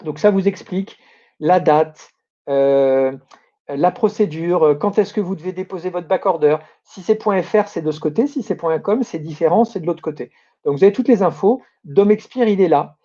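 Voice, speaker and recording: A man's voice: sits high, moderate pace, mellow. Opinionated grumbling man, dull recording. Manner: opinionated, grumbling, many fillers and restarts. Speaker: domain name news host. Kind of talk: casual news commentary.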